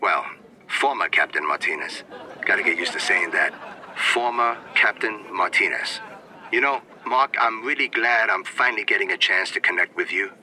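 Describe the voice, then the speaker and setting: An actor playing a disgraced former police captain, speaking earnestly over a collect phone call from a prison payphone. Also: male voice, low-pitched, moderate pace, pushed and bright. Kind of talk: improvised comedy podcast acting.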